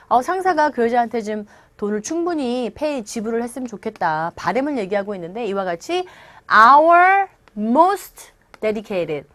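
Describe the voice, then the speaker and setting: A woman leads an English lesson with a lively, rising-and-falling voice that sits a little high. She speaks unhurriedly and explains phrases in Korean after reading each example. The sound is close and dry. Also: no echo. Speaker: English teacher.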